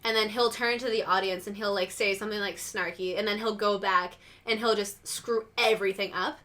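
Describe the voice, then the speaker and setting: A woman talks through a TV show in a loose, rambling podcast chat. Her tone is bright and forward at a mid pitch. She leans on "like" and slips into little quoted reactions as she explains. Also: fairly even intonation, a little fast. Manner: rambling, heavy use of "like", acts out reactions in quotes. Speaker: podcast co-host. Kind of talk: casual pop-culture chat.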